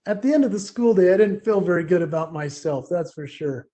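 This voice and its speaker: A man giving a playful, energetic motivational keynote full of personal stories. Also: high-pitched, fairly quick. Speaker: keynote speaker.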